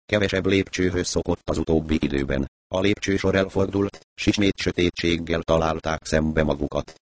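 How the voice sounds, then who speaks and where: A man with a very low voice reads a novel aloud in a steady, even narrating manner. The recording is dry and close, with no room sound at all. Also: no room sound. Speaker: audiobook narrator. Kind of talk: scripted narration.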